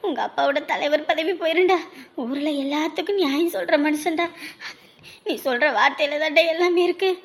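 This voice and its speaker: A proud, quarrelsome village mother in a family drama, acted by a woman. Her voice sits very high. She scolds and pleads with raw emotion. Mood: pleading. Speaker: mother of the groom. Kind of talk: Tamil family drama acting.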